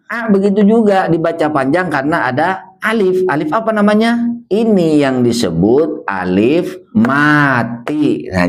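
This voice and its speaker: A man teaching a beginner Quran reading lesson, asking questions and answering them himself, and drawing words out slowly when he models the recitation. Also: fairly high pitch.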